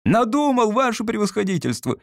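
A man's voice: medium pitch, animated, moderate pace, darkish tone, no echo, clean studio sound. A male reader voicing a servile estate clerk who mutters to himself and answers apologetically. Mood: exultant. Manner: muttering lists of names to himself, eager and apologetic.

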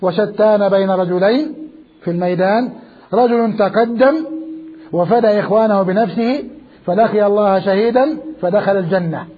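High-voiced husky man lecturing. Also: normal speed. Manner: emphatic, repeats key words and asks rhetorical questions. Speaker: Quran commentary teacher. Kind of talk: classroom lecture. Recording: dull lo-fi recording.

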